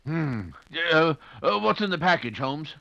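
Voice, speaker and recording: An actor playing a flustered, stammering, blustery doctor sidekick in an old-time radio drama. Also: male voice, a little high, sing-song, a little slow, gravelly, bright, forceful tone, dry recording, lo-fi sound, heavily acted. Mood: anxious, curious.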